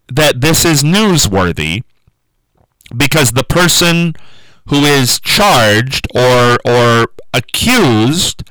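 A man with a smooth radio-host delivery, musing aloud to listeners on a call-in show and often trailing off and restarting. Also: medium pitch, sharp tone, no room sound, rough recording. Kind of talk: call-in talk radio monologue.

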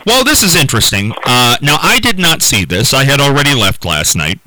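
A man's voice: medium pitch, sing-song, brisk, bright, forceful tone, a little hiss or hum, low-quality recording. A man hosting a talk show, asking probing follow-up questions. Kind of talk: interview questioning.

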